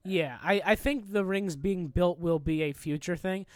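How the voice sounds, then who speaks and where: A man's voice: high-pitched, moderate pace, smooth, dry recording, clean studio sound. A man hosting a casual podcast chat, joking loosely and swearing often. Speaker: podcast host.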